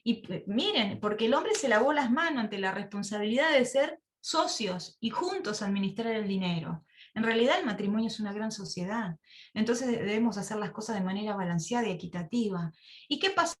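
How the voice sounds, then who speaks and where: A woman's voice: medium pitch, fairly quick. A woman giving a sermon-style Bible study to a women's group over a video call. She tells stories and asks her listeners rhetorical questions. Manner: animated storytelling, rhetorical questions. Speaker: women's service speaker.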